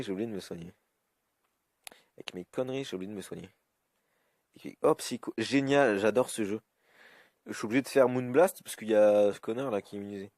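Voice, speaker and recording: A man giving live commentary over his own game, cursing often and swinging between high yelps and low grumbling. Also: a little mellow, dry recording, clean studio sound. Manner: swears freely, swings from yelps to grumbling mutters. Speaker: YouTube gamer.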